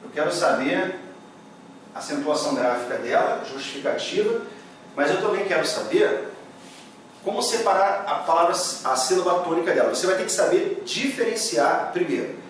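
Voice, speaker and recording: A man's voice: on the high side, expressive, moderate pace, a little hiss or hum. A Brazilian man teaching a Portuguese grammar lesson for exam prep, patiently checking in with his students as he explains. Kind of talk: classroom lecture explaining grammar. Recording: echoey room, voice from a distance.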